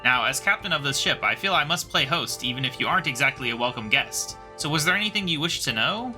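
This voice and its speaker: A man's voice: on the high side, expressive, fast, over music, close to an everyday voice. A man voicing a pompous, formal sea captain in a game playthrough. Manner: stately, formal.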